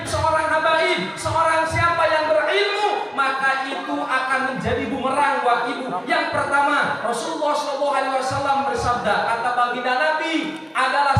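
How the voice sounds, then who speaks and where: Brief: young Sundanese-accented man preaching, high voice, booming hall echo with music behind. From West Java, Indonesia. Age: young adult. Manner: lively, sings phrases, jokes with audience. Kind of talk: sermon. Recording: echoey hall from far off with music.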